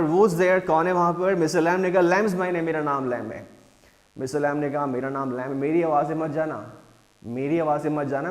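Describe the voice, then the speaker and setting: A man teaching a class, reading English lines slowly and then explaining them again and again in Hindi. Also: fairly high pitch, long reverb tail.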